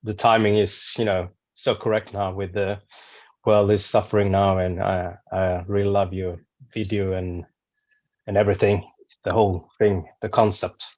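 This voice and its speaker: A man giving a casual, halting review as a podcast panel member. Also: sits low, level tone, a little mellow, no room sound. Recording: dull, dry lo-fi call audio.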